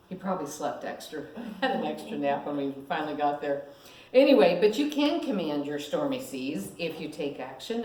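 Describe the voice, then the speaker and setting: Low-voiced woman minister, echoey room. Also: a little hiss or hum. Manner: animated storyteller, laughs at herself. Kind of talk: sermon with personal storytelling.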